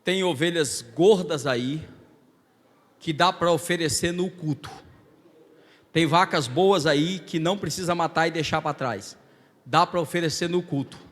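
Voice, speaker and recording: A male Brazilian guest preacher delivering a Pentecostal sermon, moving from quiet storytelling to shouted, rhythmic calls to the congregation. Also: fairly high pitch, measured pace. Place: large church hall. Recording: long hall reverb.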